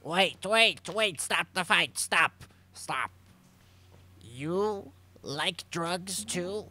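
A man voicing a pompous, scheming skeleton brawler in a comedic game roleplay, with drawn-out villainous delivery. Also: lowish voice, lively intonation, bright, forceful tone. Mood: excited. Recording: noisy mic with hum.

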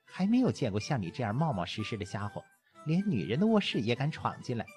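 A man's voice: mid-range voice, big pitch swings, quick pace, a little mellow, faint music behind, lightly acted. A man voicing a playful, coquettish young woman in an audiobook, pouting and teasing.

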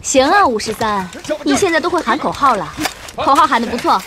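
A woman's voice: high voice, lively intonation, a little fast, noisy background. An actress playing a playful young female political instructor who teases her comrades in a TV war drama. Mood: teasing. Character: young woman political instructor, teasing and warm.

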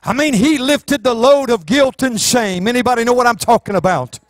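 With soft music in the background and no echo, a pastor in his forties speaks in a very high voice at normal speed. His Southern US accent carries through a handheld microphone as he preaches a sermon on the sanctuary stage, impassioned and rising to shouts.

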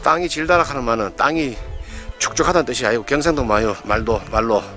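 A man's voice: mid-range voice, fast, bright, forceful tone. A man with a broad Gyeongsang accent hosting a casual, folksy on-site property tour outdoors on rural farmland, chatting to viewers as he points things out. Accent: Gyeongsang dialect Korean. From Gyeongsang region, South Korea. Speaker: real estate channel host. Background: background music.

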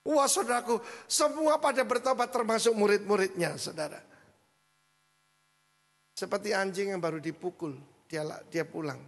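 A middle-aged male pastor preaching a sermon, telling a story with a lively manner and frequent asides to the congregation. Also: high voice, moderate pace, long pauses. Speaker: senior pastor. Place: church hall. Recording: hall reverb with mains hum.

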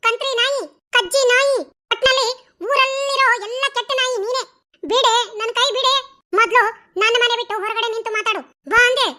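A woman's voice: very high-pitched, fairly even intonation, brisk, bright, forceful tone. A woman voicing a defiant young wife in a cartoon drama, scolding and trading insults. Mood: insulting. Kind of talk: cartoon dubbing.

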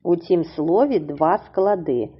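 A woman teacher with a Ukrainian accent gives a children's lesson, explaining slowly and deliberately and breaking words into syllables. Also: on the low side, slightly rough, lo-fi sound.

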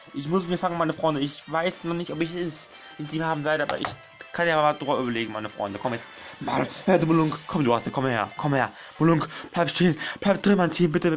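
A young man commentating his gameplay casually, excitable, swearing and pleading with the game while addressing his viewers as friends. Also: fairly high pitch. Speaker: gaming channel host.

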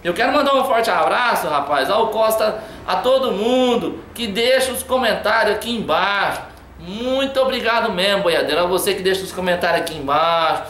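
A man telling a funny anecdote in a lively, chatty way. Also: high-pitched, normal speed, echoey room, slight background noise. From Brazil. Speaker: storyteller.

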